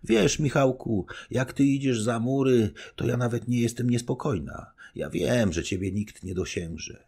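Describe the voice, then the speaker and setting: A man voicing a lively, bold young noblewoman in an audiobook, talking eagerly and doting on her husband. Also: medium pitch, a little slow, vocal fry, husky, voice pushed up.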